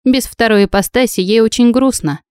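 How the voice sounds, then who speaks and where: A wry old witch and grandmother, dry and a little scornful, speaking at an unhurried pace, as a woman narrator puts her on. The tone is mellow and the recording close and dry. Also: fairly high pitch, dry recording, voice pushed up, lightly acted. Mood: calm. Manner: dry, snorting.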